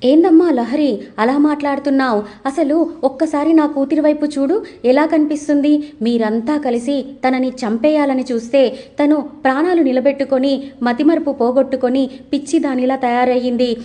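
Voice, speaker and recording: A woman voicing an indignant mother who loudly complains in defense of her daughter. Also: high voice, moderate pace, lightly acted. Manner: wailing, accusing complaints.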